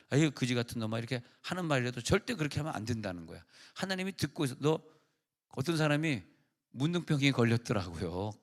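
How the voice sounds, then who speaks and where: A man preaching a sermon as pastor at a church revival service, speaking in a conversational way with stories and acted-out quotes. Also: medium pitch.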